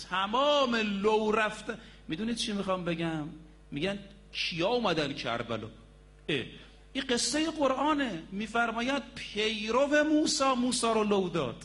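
A man's voice: sits high, fairly bright tone. A man preaching a sermon. He tells stories emphatically, stretches out key words, and speaks directly to his audience. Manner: storytelling, addresses the audience directly.

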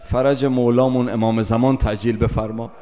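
A man's voice: mid-range voice, little pitch movement, warm tone, a little hiss or hum. Impassioned male eulogist in a reverberant hall. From Tabriz, Iran. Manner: impassioned, chanting lament. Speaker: mourning eulogist. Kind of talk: mourning sermon with elegy.

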